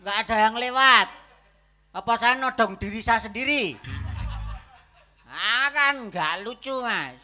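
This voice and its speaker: An actor playing a poor, sick husband who is stubborn and moralizing, in a loud, exasperated stage comedy style. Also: male voice, extremely high pitch, animated, measured pace, long pauses, soft background music, heavily acted. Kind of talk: stage comedy theatre acting.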